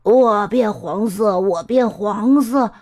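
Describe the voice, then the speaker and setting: A woman voicing a fretful male chameleon in a children's storybook, whining in a slow, drawn-out way. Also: a little high, big pitch swings. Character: fretful male chameleon who cannot change color. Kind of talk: storybook character voice.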